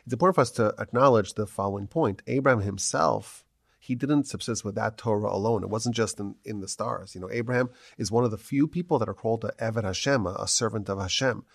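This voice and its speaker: A man hosting a religious podcast discussion, earnest and halting, with many restarts. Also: fairly low pitch, gravelly, no room sound, clean studio sound. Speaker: rabbi podcast host.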